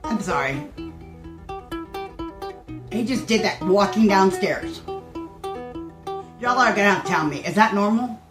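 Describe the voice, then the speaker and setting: A woman's voice: medium pitch, expressive, takes it slowly, pauses often. An older woman giving a casual reaction commentary, rambling and interrupting herself like a chatty old woman. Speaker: reaction video host. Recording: roomy echo, guitar music behind.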